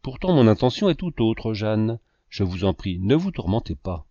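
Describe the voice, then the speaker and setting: A man reading the lines of a scheming, self-pitying man who flatters and presses a young woman, in a low voice with a lively pitch. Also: moderate pace, no room sound. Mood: insistent. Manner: insistent, flattering. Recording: dull lo-fi dry recording.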